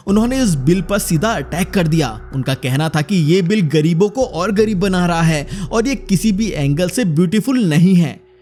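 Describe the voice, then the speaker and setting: A man's voice: sits high, a little mellow. A man narrating a scripted news explainer with a dramatic, punchy delivery. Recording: faint background music.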